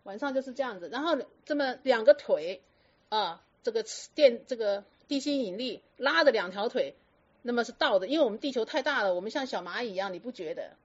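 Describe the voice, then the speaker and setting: A woman telling stories about patients to an audience in a lively, lecturing way full of rhetorical questions. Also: a little high, brisk. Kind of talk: storytelling talk to an audience. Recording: dull lo-fi recording.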